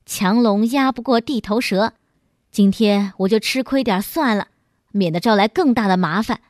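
A woman's voice: mid-range voice, normal speed, no room sound, studio quality, voice pushed down, close to an everyday voice. Woman voicing a shrewd country man. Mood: resigned. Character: crafty country man new to the city.

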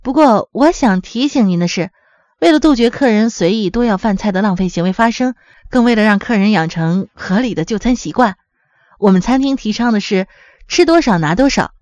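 A woman's voice: medium pitch, lively intonation, a little fast, a little mellow, no echo, close to an everyday voice. A woman doing a polite smiling waitress.

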